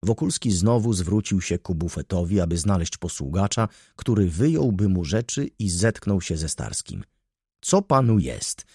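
A man reading a novel aloud as an audiobook narrator, with an expressive, lively delivery. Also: low-pitched, normal speed, few pauses, slightly rough, no echo, clean studio sound. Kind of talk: scripted narration.

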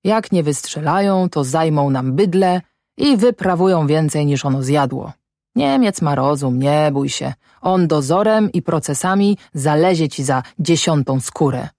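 A woman's voice: low-pitched, animated, measured pace, dark tone, no echo, clean studio sound. A woman voicing an angry, stubborn peasant farm wife in an audiobook, scolding her husband with a rising voice. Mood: furious. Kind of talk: audiobook character voice.

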